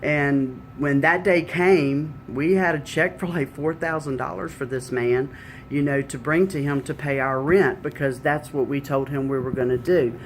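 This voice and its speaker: A middle-aged woman recounts her faith testimony in a plain, conversational way. She retells past conversations earnestly and often adds "you know". A faint low rumble sits in the background. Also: fairly even intonation, normal speed. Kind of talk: personal faith testimony storytelling.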